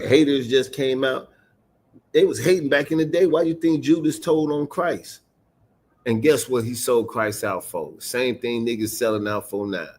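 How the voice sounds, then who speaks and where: A man gives emphatic scripture teaching on a livestream, medium-pitched and plainspoken. He slips between loose street slang and slow King James readings, leaning hard on single words to drive them home. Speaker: religious teacher.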